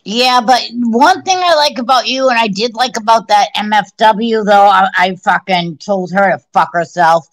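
On a phone video call from her living room, a middle-aged woman chats bluntly as a guest caller, swearing freely and restarting her sentences as she rambles. Her mid-range voice moves at a moderate pace with few pauses. The phone is held close, and the recording quality is low.

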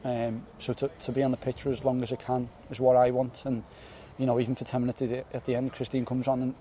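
A young man talks fast and earnestly after a match, tripping over repeated words as he gathers his thoughts. His voice sits at a medium pitch with a mellow, dark tone. He is recorded outdoors on a floodlit pitch, with a faint open-air hush behind him. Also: completely flat delivery, slight background noise. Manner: quick, earnest, repeats words while thinking. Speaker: footballer. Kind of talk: post-match interview. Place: floodlit football stadium pitch at night, outdoors. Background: faint outdoor stadium ambience.

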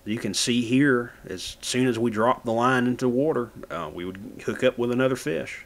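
A man's voice: mid-range voice, moderate pace. A man from Florida narrating his own fishing footage in a plain, folksy how-to manner. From Florida, USA. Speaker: fishing channel host.

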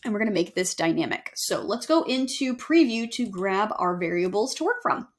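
A young woman giving a casual screen-share software tutorial, chatty and self-correcting as she walks through each step. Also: mid-range voice, big pitch swings, moderate pace, slight background noise. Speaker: email marketing instructor. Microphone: webcam overlay on screen recording.

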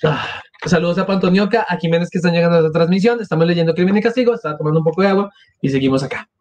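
A man's voice: a little high, very fast, darkish tone. A man reading a novel aloud on a live stream, with casual asides. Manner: conversational, self-deprecating asides. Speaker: audiobook reader and streamer.

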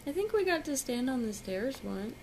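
A woman's voice: sits high, sing-song, normal speed, crowd noise. A woman chatting casually beside her partner in a home vlog, with brief dry interjections. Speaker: vlog co-host. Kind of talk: casual chat. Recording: noisy home recording.

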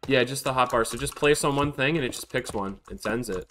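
A man's voice: medium pitch, fairly quick, sharp tone, a little hiss or hum. A young man hosting a casual gaming chat with friends, slightly nasal from a cold, full of crude jokes and banter. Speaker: gaming channel host.

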